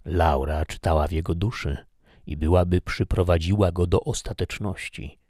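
A man narrating an audiobook in a measured, steady reading. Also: low-pitched, no echo, clean studio sound. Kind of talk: scripted narration.

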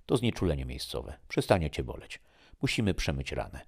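A male storyteller doing a calm, matter-of-fact surgeon in an audiobook. His voice sits above the reader's own very low register and comes out a bit louder and firmer. The tone stays husky throughout. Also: brisk, exaggerated voice. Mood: reassuring. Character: calm brisk male surgeon, middle-aged.

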